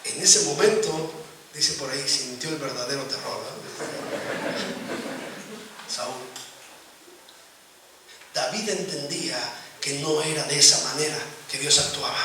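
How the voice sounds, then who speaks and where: A man preaches his sermon in a high voice, captured from across a very echoey church hall. He keeps turning to the congregation with rhetorical questions, over a faint hiss of room noise. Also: slow, pauses often, far from the mic. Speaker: pastor.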